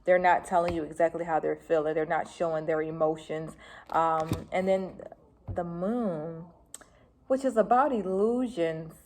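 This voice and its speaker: A woman doing a casual tarot reading, talking fast, chatty and blunt with slang. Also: lowish voice, darkish tone, a little hiss or hum. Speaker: tarot reader.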